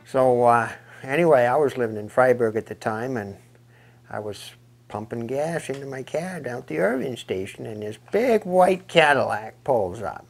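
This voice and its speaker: A man with a New England accent telling a humorous yarn in a folksy, meandering, drawn-out way, with a creaky voice. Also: mid-range voice, animated, slight background noise. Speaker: storyteller.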